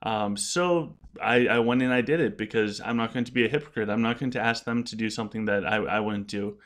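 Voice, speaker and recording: A man speaking off the cuff as a gaming creator to his viewers, earnest and explanatory, often halting and restarting his words. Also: on the low side, a bit bright. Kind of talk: casual unscripted vlog talk.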